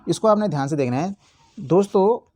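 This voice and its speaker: A young man with a fairly high voice, explaining quiz answers like an exam-prep tutor. He repeats points and keeps checking in with his listeners. His voice is close and dry, with no room sound. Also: expressive, a little fast, mellow, dry recording. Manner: repetitive, checks in often with "theek hai".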